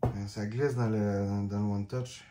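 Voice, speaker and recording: A man with a Québécois accent opening card packs in a casual vlog, excitable and full of exclamations. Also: on the low side, unhurried, a little hiss or hum. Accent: Québécois French.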